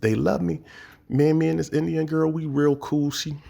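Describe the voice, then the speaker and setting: Gravelly-voiced D.C. man telling a story. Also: fairly high pitch, level tone, normal speed, warm tone. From Washington, D.C. area. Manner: laid-back, rambling, slangy. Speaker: podcast host. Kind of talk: casual storytelling monologue.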